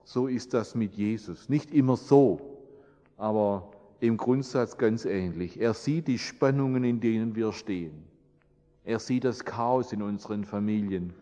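A man's voice: mid-range voice, dark tone. Earnest preaching man, long church reverb. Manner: earnest, repetitive preaching cadence. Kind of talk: sermon with prayer. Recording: long reverb, dull lo-fi sound.

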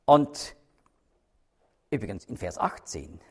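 Husky man teaching a lively Bible study. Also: on the low side, slow pace. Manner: explanatory, stresses key words, checks in with listeners.

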